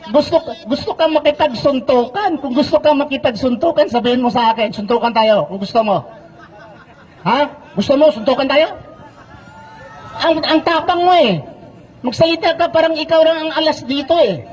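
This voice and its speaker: High-voiced Filipino man preaching, argumentative. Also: darkish tone, poor audio. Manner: argumentative, keeps repeating calls to relax and wait. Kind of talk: heated street debate. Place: outdoor public gathering. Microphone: handheld microphone.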